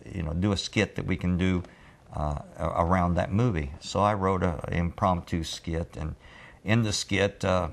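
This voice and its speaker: Older man with a deep, gravelly voice. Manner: rambling, with frequent filler pauses. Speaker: former TV audio engineer. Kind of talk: oral-history storytelling.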